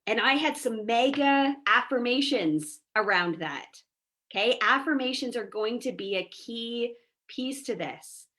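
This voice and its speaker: Female podcast guest, mindset coach; lively, talkative storyteller with a slightly high voice. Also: measured pace. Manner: chatty, animated storyteller, peppers speech with "like" and "right?". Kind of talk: casual podcast conversation.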